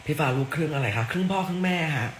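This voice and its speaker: A young man from southern Thailand hosts a casual live stream, fielding fan questions in a playful, teasing, jokingly coarse manner. His voice leans high and he talks at a racing pace, with a roomy sound and slight background noise.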